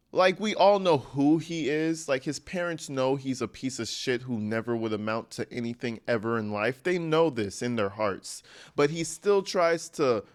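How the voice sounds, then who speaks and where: A man's voice: medium pitch, clear, resonant tone. A man hosting true-crime commentary in an informal, opinionated style, blunt and slangy with emphatic stresses.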